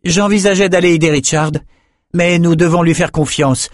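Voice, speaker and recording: A bold young sorceress, commanding and sure of herself, as a man puts her on. Her voice rises well above a man's usual register. She speaks firmly and loudly, in a very dry, close sound. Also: on the high side, fairly even intonation, normal speed, no room sound, pitched above the performer's own voice, natural voice. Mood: determined. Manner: raised, firm, assertive delivery.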